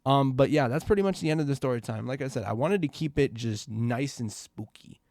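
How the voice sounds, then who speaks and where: Young dude doing a storytime vlog, talks loose and slangy, says bro a lot, dry close mic. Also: male voice, a little fast, no echo. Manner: casual, slangy, addresses viewers as bro and you guys, swears; quiet and low at first, grows loud and excited. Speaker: vlogger telling a story. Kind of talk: casual storytime.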